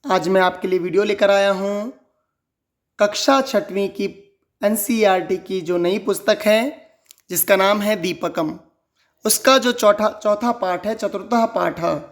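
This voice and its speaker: A man teaching a textbook lesson to children, reciting slowly and repeating each phrase with care. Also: sits high, steady tone. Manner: slow, carefully spelled-out recitation and repetition.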